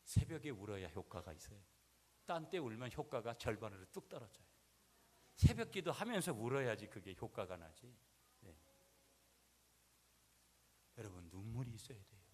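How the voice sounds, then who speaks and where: A male pastor preaching a sermon, swinging from quiet asides to loud, rising climaxes and having the congregation repeat lines after him. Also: lowish voice, sing-song, normal speed, long pauses, husky. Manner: swings from soft asides to shouted peaks, has the church repeat after him.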